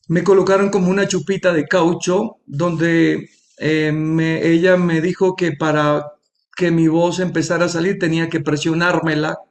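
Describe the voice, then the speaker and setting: A man pastor telling his testimony in an earnest, halting storytelling manner. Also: a little high. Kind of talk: testimony sermon.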